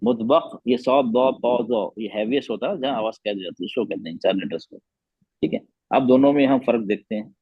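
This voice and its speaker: Patient male tajweed teacher, slightly husky. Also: medium pitch, fairly quick, dry recording, dull audio. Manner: patient, repeats sounds and quizzes students. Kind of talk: teaching an online class.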